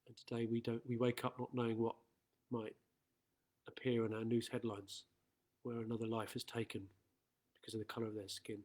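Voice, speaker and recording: A man's voice: medium pitch, flat delivery, fairly quick, long pauses, darkish tone. Earnest man giving a chaplain's talk. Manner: earnest, reflective. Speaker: school chaplain. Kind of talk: reflective assembly talk.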